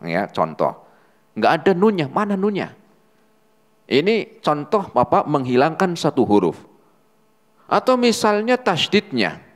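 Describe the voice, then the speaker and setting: A man teaching Quran recitation as an Islamic teacher, patient and repetitive, asking the class rhetorical questions. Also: mid-range voice. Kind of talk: religious lesson on Quran recitation. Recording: long hall reverb.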